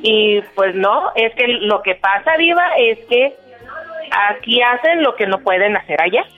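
A woman's voice: on the high side, animated, unhurried, soft background music. A female caller on a radio show, telling a story in a chatty way and quoting others. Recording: dull phone line.

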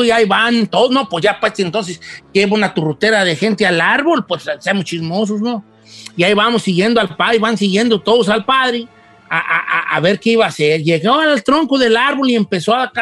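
Man, high voice, folk tale storyteller, conversational with asides, faint music. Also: a bit bright, dry recording.

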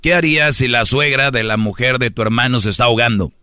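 A man's voice: medium pitch, quick pace, pushed and bright, clean tone, no room sound, studio quality, soft background music. A man teasing a friend bluntly in casual talk.

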